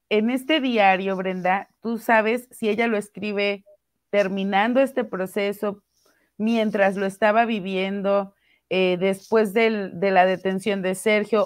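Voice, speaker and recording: A woman co-hosting a talk show who asks questions in a friendly, inquisitive way. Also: mid-range voice. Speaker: co-host. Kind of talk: interview questions.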